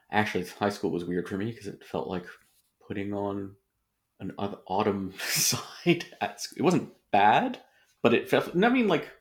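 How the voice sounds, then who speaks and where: A man co-hosting a podcast in casual chat, often halting and rephrasing mid-sentence. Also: fairly low pitch, vocal fry. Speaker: podcast co-host.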